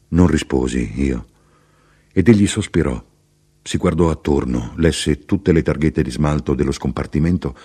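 A man reading a literary novel aloud in a measured, expressive way. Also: extremely low pitch, slightly rough. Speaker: audiobook narrator.

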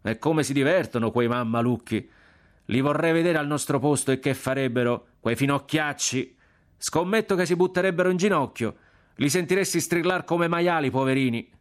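A man's voice: on the high side, moderate pace, pitched above the performer's own voice, close to an everyday voice. A man voicing a defiant, mocking young Florentine prisoner with a Florentine accent and swaggering, scornful banter.

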